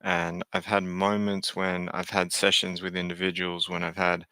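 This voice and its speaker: A man's voice: low-pitched, monotone, normal speed, bright, forceful tone, clean tone, dry recording. A man talking casually on a live stream, hesitant and candid, often restarting his sentences.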